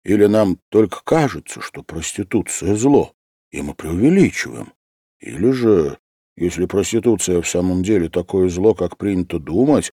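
A man's voice: on the low side, mellow, no room sound, studio quality, pitched above the performer's own voice, natural voice. A man voicing the anguished inner thoughts of a troubled young male student. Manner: brooding inner voice.

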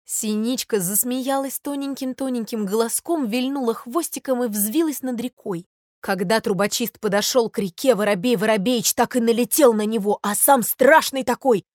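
Woman calmly narrating a fairy tale. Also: fairly high pitch, moderate pace, no echo, studio quality. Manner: calm, even storytelling. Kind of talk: storybook reading.

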